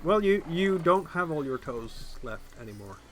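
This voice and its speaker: A man speaking as game master and host of a tabletop game stream, casual, with a hesitant, halting delivery. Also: on the high side, very animated, soft background music.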